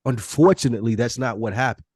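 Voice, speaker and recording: Man, podcast co-host, plain pitch, blunt and emphatic, casual swearing, very dry close sound. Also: fast, a little mellow, slightly rough, dry recording.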